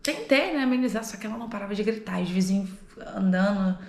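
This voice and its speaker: A young woman, telling a story to her vlog in a lively, animated way, swearing, laughing and acting out the people in it. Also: medium pitch, quick pace, vocal fry. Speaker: au pair vlogger. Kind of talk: casual storytelling to camera. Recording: echoey room.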